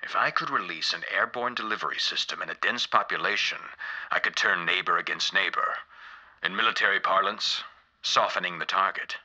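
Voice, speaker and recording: An actor playing a calculating villain scientist in a video game, formal and clinical, musing with quiet menace. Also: male voice, deep voice, brisk, exaggerated voice, low-quality recording. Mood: clinical, pleased. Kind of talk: video game character acting.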